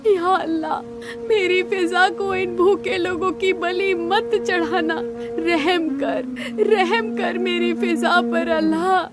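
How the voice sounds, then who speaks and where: A woman's voice: sits high, lively intonation, unhurried. A woman voicing a stubborn, loving old grandmother, scolding and grieving in a cartoon story. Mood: weeping. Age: over 60.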